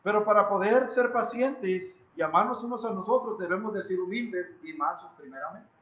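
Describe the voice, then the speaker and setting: A man's voice: high voice, moderate pace, a bit bright, roomy sound, dull audio. A man with a Mexican Spanish accent preaching a sermon in a church, emphatic and dramatic, who repeats phrases and puts questions to the congregation. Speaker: pastor. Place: church hall.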